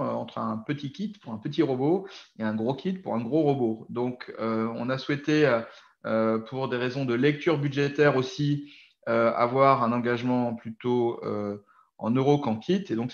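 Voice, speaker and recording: Male CEO, investor Q&A, frank and halting, echoey muffled room sound. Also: medium pitch. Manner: hesitant, many fillers, frank and direct. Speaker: company chief executive answering investor questions. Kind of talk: results presentation Q&A. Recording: roomy, dull lo-fi sound.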